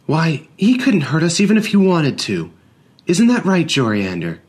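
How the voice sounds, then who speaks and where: A brisk, curt woman in charge of a household, in a storybook reading, pitched well above the narrator. A man puts her on. She scolds sharply and gives orders. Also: huge pitch swings, darkish tone. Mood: scolding.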